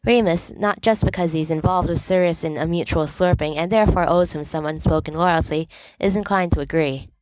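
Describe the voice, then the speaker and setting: Her lowish, darkish voice moves fairly quickly as she narrates a fan fiction story for a volunteer audiobook. She plays it wry and emphatic for comic effect, and the recording quality is low.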